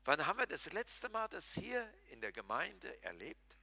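With a gravelly, bright and forceful voice at a moderate pace, a pastor swings widely in pitch through an energetic Pentecostal sermon. He talks directly to his congregation, joking, laughing and challenging them, and the sound is close and dry, free of room echo.

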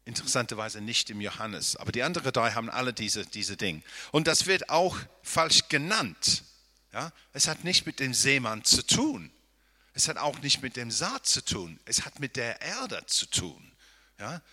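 A man with a mid-range voice, very animated and pushed bright, preaches a Bible-teaching sermon at a moderate pace. He thinks aloud with restarts and hedging, often posing rhetorical questions and checking in with "ja?"

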